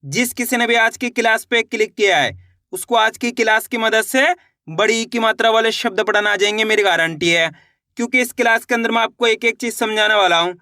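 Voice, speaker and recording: A man with a high, bright voice gives a reading lesson in a dry, close recording. He talks patiently, repeats each step and draws out the vowel sounds. He greets his viewers as friends. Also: fairly quick, dry recording. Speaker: Hindi reading teacher. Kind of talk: online classroom lesson.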